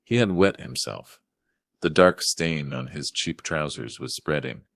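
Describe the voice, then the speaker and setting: Older man narrator, steady measured delivery, very deep voice, dry close sound. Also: creaky, dry recording. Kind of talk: first-person story narration.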